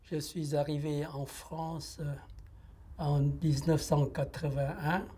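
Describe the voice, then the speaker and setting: Slow, hesitant man. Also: on the high side, steady tone, dark tone, slightly rough. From Laos. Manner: hesitant, with frequent pauses and filler sounds. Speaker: interviewee giving a personal testimony. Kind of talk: reflective testimony interview.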